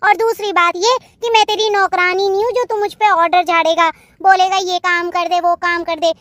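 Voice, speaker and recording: Woman voicing a shrill defiant young daughter-in-law. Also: little pitch movement, fairly bright tone, no room sound. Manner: scolding, quick retorts.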